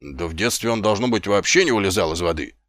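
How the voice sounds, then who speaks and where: A man voicing a slow, timid, middle-aged male sergeant who talks hesitantly and grumbles, in an audiobook. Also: low-pitched, animated, fairly bright tone, no echo, studio quality, voice pushed down.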